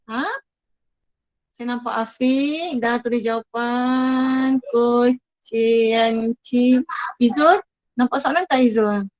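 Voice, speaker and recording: A woman's voice: a little high, fairly even intonation, takes it slowly, darkish tone, no room sound, poor audio. A woman teacher with a Malaysian Malay accent, running an online class, chatty and apologetic, praising her students one by one.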